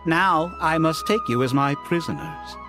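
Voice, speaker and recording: An actor playing a prankster who poses as an evil robot, using a stiff, stilted robot voice. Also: male voice, a little high, normal speed, close to an everyday voice. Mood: mock menacing. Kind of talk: video game voice acting. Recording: game dialogue with music behind. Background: game music.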